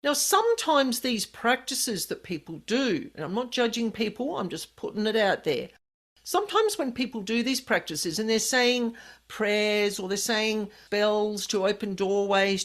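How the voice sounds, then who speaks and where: A woman with a mid-range voice hosts a podcast in casual conversation, her voice croaky and hoarse from a virus. She earnestly explains things at length.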